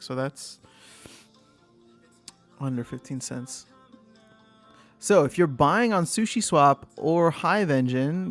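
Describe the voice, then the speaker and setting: A man's voice: a little high, creaky. A young man hosting a casual livestream, thinking aloud, answering chat and trailing off mid-sentence. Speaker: livestream host.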